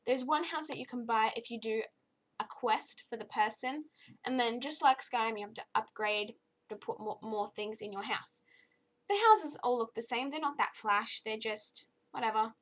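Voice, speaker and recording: A young woman with a fairly high, slightly croaky voice gives a loose, chatty review of a video game at a moderate pace, her tone a bit bright. She's quick to get exasperated, and her casual talk is full of ums and restarts.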